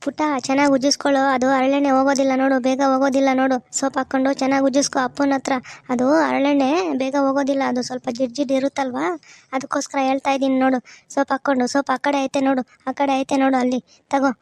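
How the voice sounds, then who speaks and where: A woman's voice: high voice, completely flat delivery, rapid-fire, a little mellow, no room sound. A woman voicing a bossy village mother in a cartoon who gives instructions and hurries everyone along. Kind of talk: cartoon voice acting.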